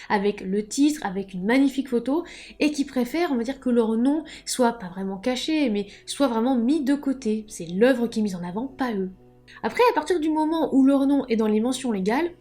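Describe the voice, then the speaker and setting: A woman's voice: fairly high pitch, dark tone. Chatty woman giving book tips. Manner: chatty, frank, drawn-out emphatic headings. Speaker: book promotion adviser. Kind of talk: casual explanatory video lesson.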